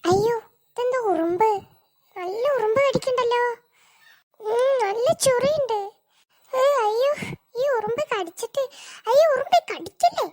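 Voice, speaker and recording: A woman's voice: extremely high pitch, unhurried, long pauses, heavy background noise. A woman voicing a bossy elder-sister cartoon girl who wails and complains. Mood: wailing. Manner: wailing, complaining. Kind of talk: cartoon voice acting.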